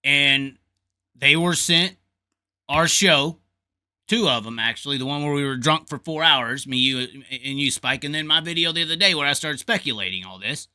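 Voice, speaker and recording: This motorsports talk show host speaks at a moderate pace in a fairly high, bright voice with a forceful tone. He delivers blunt, folksy opinions casually, swearing now and then and repeating phrases to drive points home.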